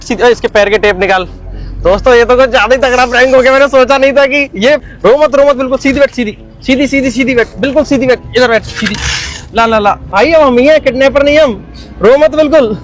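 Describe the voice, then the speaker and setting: A man's voice: very high voice, brisk, faint music behind. A man hosting a casual prank vlog, repeating himself in a soothing, urgent way and talking to his viewers.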